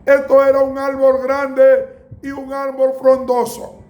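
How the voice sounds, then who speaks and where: A man delivers a sermon in a very high, flat-toned voice. He speaks slowly and deliberately, and now and then he breaks into a shout. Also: muffled recording. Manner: slow, emphatic preaching with bursts of shouting. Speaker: preacher.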